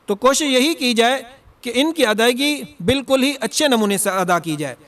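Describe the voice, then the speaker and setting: A man teaching Quran reading in a lesson, slow and deliberate, drawing out letter sounds to demonstrate them and firmly correcting common mistakes. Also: very high voice, animated, fairly bright tone.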